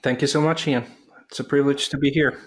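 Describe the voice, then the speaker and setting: A man in his thirties, from Colombia, talks through his work as a founder in an interview. He speaks thoughtfully at a medium pitch and often pauses and restarts his sentences. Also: fairly even intonation. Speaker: startup founder, guest. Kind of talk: interview answers.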